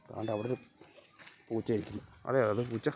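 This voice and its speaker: A man's voice: on the low side, fairly even intonation, quick pace, a little mellow, a little hiss or hum. A man filming a casual vlog outdoors beside flooded fields, chatting to the camera and calling his dog and cats to follow him. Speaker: vlogger. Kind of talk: casual vlog narration while walking outdoors.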